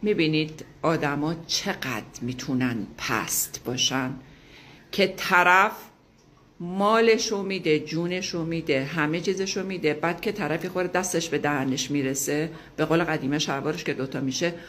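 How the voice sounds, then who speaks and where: A woman's voice: low-pitched, a bit bright, a little hiss or hum. A woman giving a motivational talk, speaking emphatically and asking her listeners rhetorical questions.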